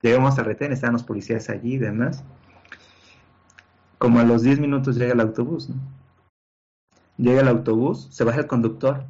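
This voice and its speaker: A man's voice: medium pitch, fairly quick, long pauses, highs cut off. A man with a Mexican accent telling a personal story casually, tagging sentences with "¿no?" and acting out what people said. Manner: animated storyteller, acts out quotes, many fillers like "¿no?" and "este".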